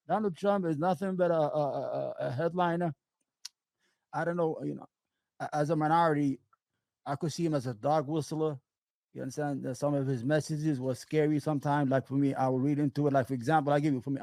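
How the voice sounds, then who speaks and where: A man hosts a casual political interview. He rambles and speaks with emphasis, often restarting his sentences, in a fairly high voice. The recording is close and dry, with no room sound. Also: a little fast, gravelly, darkish tone, no echo. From Brooklyn, New York. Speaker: show host.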